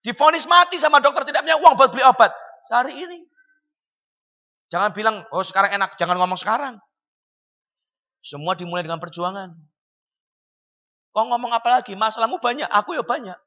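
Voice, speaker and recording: A high, bright-toned man delivers a fiery sermon in a church, his words ringing through the long reverb of the hall. He addresses the congregation directly and swings from hushed asides to sudden shouts. The recording sounds a little dull. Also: expressive, fairly quick, long pauses. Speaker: pastor.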